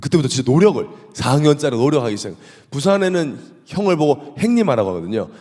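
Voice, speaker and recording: A male pastor with a Gyeongsang accent, giving a lively, humorous sermon and asking the congregation questions. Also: a little high, quick pace. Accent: Gyeongsang Korean. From South Korea. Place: church sanctuary. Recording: echoey church hall.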